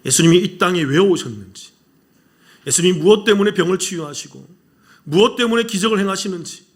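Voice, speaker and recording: High-voiced Korean pastor preaching emphatically. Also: male voice, animated, a little fast. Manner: swings from loud rising exhortation to hushed low asides; asks the congregation rhetorical questions. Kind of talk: sermon. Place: church sanctuary.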